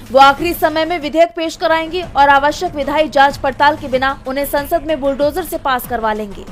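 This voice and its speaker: A woman with a high voice reads a scripted news package as its reporter. Faint music plays behind the narration. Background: music bed.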